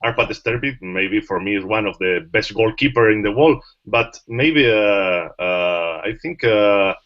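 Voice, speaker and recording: A man from Spain, speaking haltingly with many fillers as a panelist in a casual discussion. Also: fairly low pitch. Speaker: journalist panelist. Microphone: video call. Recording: muffled online call audio.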